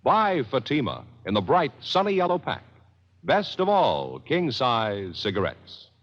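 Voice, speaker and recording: A man announcing in 1950s radio style, with dramatic, emphatic pitchman delivery. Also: huge pitch swings, unhurried, fairly bright tone, a little hiss or hum. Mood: pitching. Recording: muffled old radio broadcast with reverb and music.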